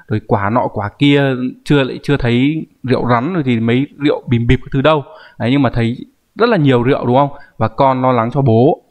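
A man teaching a grammar lesson, explaining patiently and often checking in with the viewer. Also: mid-range voice. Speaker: Japanese language teacher.

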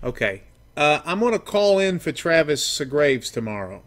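A man's voice: a little high, sing-song, a bit bright. Hesitant, rambling estranged father, played by a man. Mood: hesitant, awkward. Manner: hesitant, rambling, halting with ums and uhs. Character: estranged, down-on-his-luck father, washed-up rock musician. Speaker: prank caller. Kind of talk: prank phone call.

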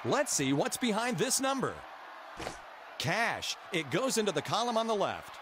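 A man's voice: high-pitched, very animated, a little slow. A man playing an emphatic game show host who guides a contestant with scripted instructions and exclamations. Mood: upbeat. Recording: clear background game noise.

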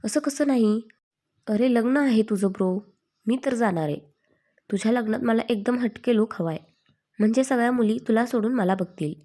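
A woman's voice: on the high side, moderate pace, dark tone, natural voice. A woman reading a story aloud, voicing a playful, cheeky young man who jokes with his family. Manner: joking, cheeky.

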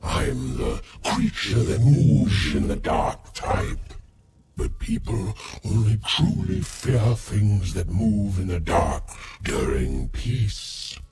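Gravel-throated, drawling Shadowman. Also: sits low, very animated, exaggerated voice. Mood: brooding, sly. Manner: slow, menacing, theatrical, mockingly polite. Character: ancient menacing shadow creature that snatches children. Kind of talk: video game character acting. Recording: loud background music.

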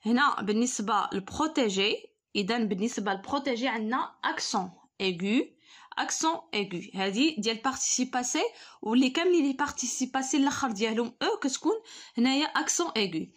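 A young Moroccan woman teaches an online school lesson in a fairly high, husky voice. She talks quickly when she explains, and reads the French words slowly and carefully. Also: animated.

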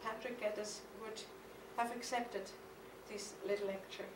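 Speaking into a stand-mounted podium mic on the stage of a mid-sized studio hall, a middle-aged German-accented woman, an artist at a conference, reads her reflective, partly poetic lecture in a measured way, hesitating now and then. Her voice sits in the mid-range and keeps a steady tone. Captured from the camera's distance, the hall sounds echoey and there is background noise.

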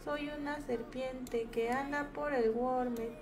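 A young woman with a Mexican accent giving chatty, casual commentary over her gameplay, now and then breaking into shrill, shrieking outbursts. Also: fairly even intonation, slow pace, music in the background. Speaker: gaming streamer.

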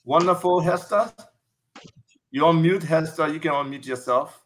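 A man's voice: a little high, normal speed, slight background noise. A man moderating a video call panel, upbeat and coaxing guests to unmute.

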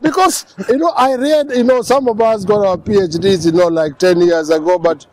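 High-voiced man hosting an interview. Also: normal speed, a little mellow, slight background noise. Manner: curious, eager questioning with frequent encouraging backchannels. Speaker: interview host. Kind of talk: conversational interview. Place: outdoors on a lawn in front of a building.

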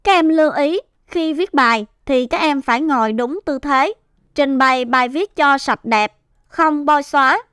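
A woman teaching first-grade reading, sounding out and stretching each syllable clearly for young children. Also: sits high, moderate pace, a bit bright, dry recording, clean studio sound. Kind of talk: slow, clear phonics teaching.

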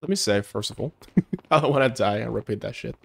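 Indoors in a home room, a man in his thirties livestreams a horror game on a headset mic, joking and laughing at himself as he plays. His medium-pitched voice is fairly quick, creaky, and a bit bright, with game music behind it.

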